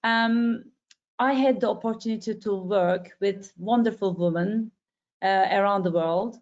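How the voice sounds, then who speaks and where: Woman on a webinar, slow, lots of "you know", lo-fi sound. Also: medium pitch. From Turkey. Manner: relaxed, with many fillers. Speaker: panelist. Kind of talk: self-introduction on a webinar. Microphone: video call. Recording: dull lo-fi call audio.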